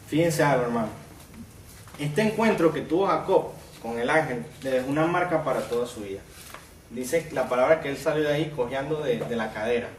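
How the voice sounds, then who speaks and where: A man's voice: mid-range voice, reverberant, distant mic, slight background noise. A man preaching a sermon as pastor, reading scripture aloud with rising emphasis and asking the congregation rhetorical questions. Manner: asks the congregation rhetorical questions and calls them brother.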